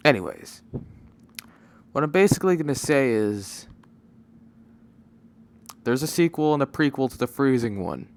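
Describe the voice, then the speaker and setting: A video creator with a mid-range voice makes a casual, unscripted channel announcement, rambling and halting and often losing his train of thought. He's recording on a microphone without a pop filter.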